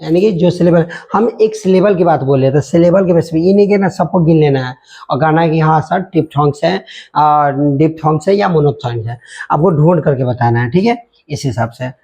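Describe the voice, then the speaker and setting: A man's voice: on the high side, fairly quick, warm tone, breathy edge. A man teaching an English grammar lesson, spelling words out letter by letter and checking in often.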